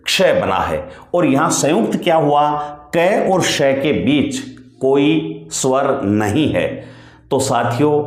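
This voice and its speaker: A man from Rajasthan teaching a Hindi grammar lesson for exam candidates at an unhurried, deliberate pace. He draws out each sound and keeps asking and answering his own questions. The room carries a noticeable echo. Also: a little high.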